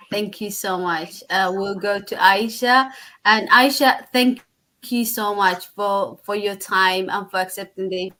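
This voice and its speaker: A woman from Somalia hosting a live online talk, pausing often with many ums. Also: medium pitch, sharp tone, poor audio. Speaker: host. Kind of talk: live video chat hosting.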